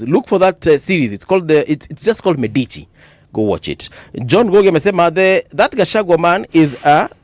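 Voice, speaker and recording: A Kenyan man hosts breakfast radio in a dry, close sound. His delivery is chatty and very animated in pitch, slipping between English and Swahili as he reads out messages. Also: no echo. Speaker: radio host. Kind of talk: casual live breakfast radio chat, reading listener messages.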